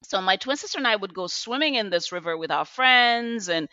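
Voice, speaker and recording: A woman's voice: mid-range voice, expressive, brisk, pushed and bright, no echo, dull audio. A middle-aged woman, a podcast guest telling reflective stories with restarts. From Zambia. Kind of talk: podcast interview.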